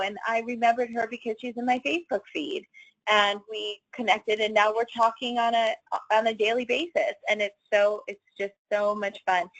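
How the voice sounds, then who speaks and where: A woman's voice: mid-range voice, dry recording, lo-fi sound. A woman co-leading a training call, cheerful and chatty, laughing easily.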